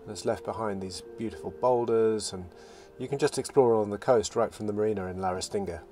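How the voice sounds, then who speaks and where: A man narrating his sailing vlog in a relaxed, reflective voice-over, often restarting his phrases. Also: on the low side, fast. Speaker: sailing vlogger. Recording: voice-over with loud music behind.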